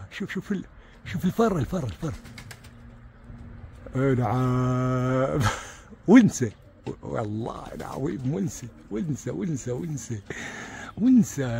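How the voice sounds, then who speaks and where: A man with an Iraqi accent giving casual, excitable commentary to viewers as he films his pigeons outdoors, repeating words and dropping religious blessings. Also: mid-range voice, vocal fry, slight background noise. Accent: Iraqi Arabic. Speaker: pigeon keeper filming his birds.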